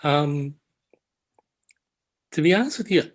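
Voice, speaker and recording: A man, a podcast guest, answering in a hesitant way with many pauses. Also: on the high side, lively intonation. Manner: hesitant, with fillers and restarts. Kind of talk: casual interview.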